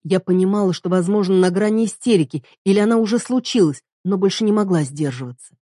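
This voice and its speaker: A woman's voice: medium pitch, fast talker, mellow, no room sound, studio quality. A woman reading a dramatic first-person audiobook with an emotional delivery. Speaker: audiobook narrator.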